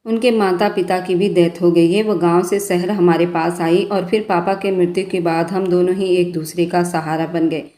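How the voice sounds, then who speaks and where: A woman's voice: lowish voice, fairly even intonation, normal speed, few pauses, mellow, lightly acted. A woman voicing a chatty, playful young female office worker in a bedtime story. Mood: warm. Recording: echoey room.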